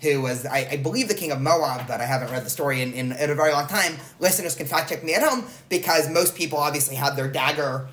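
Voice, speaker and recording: A man's voice: fairly high pitch, lively intonation, fast, few pauses, fairly bright tone. A man hosting a podcast in casual conversation, rambling and correcting himself with lots of fillers. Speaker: podcast host. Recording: roomy echo, faint noise.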